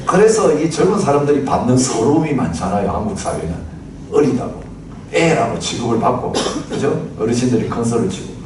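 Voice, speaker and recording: A man in his sixties preaching a chatty sermon, often asking the congregation questions, recorded from a distance in a church hall. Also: a little high. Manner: chatty, asks the congregation, recites lyrics with laughter. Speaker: pastor. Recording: very echoey hall, distant mic, noisy.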